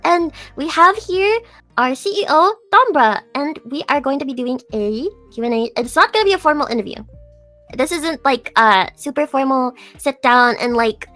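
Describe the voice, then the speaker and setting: A young woman hosts a livestream with the playful air of a gamer girl. Her voice is very high and swings around a lot, bubbly and easily flustered. Faint music plays behind her casual chat. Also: animated, moderate pace, sharp tone. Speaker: stream host and virtual streamer.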